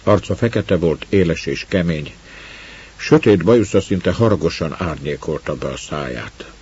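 Low husky male audiobook narrator. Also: darkish tone, muffled recording.

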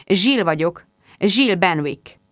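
A woman's voice: fairly low pitch, lively intonation, dry recording, studio quality, lightly acted. A woman reading an audiobook and voicing an earnest, chatty, self-pitying man who speaks politely.

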